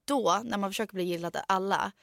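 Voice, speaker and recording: A woman's voice: medium pitch, vocal fry, no echo, clean studio sound. A young woman co-hosting a podcast in casual chat, mixing English phrases into her talk and acting out quotes as she tells stories. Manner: mixes Swedish with English phrases; animated storyteller, acts out quotes. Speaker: podcast co-host.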